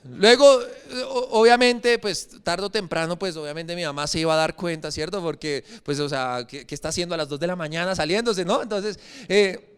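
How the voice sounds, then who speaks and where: A young preacher delivers a sermon in a high, smooth, clear voice. He tells a personal story with animated, emphatic energy. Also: normal speed.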